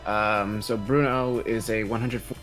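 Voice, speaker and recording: Man, lowish voice, glitching audio that keeps dropping out, faint music behind. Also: fairly even intonation, moderate pace, a bit bright. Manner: flustered, restarting sentences. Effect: glitching audio that keeps cutting out. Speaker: co-host. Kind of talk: casual game discussion over a call.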